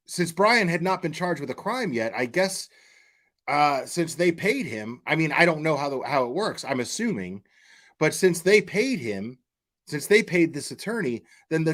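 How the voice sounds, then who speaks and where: Running a laid-back true-crime livestream, this man speaks at a normal speed in an expressive, higher-pitched voice. He's opinionated and emphatic, cursing bluntly and repeating phrases as he works toward his point.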